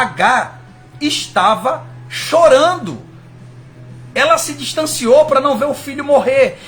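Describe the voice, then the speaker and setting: High, animated preacher. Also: male voice, slight background noise. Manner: fervent, rising and falling, addresses listeners as brothers. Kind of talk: sermon.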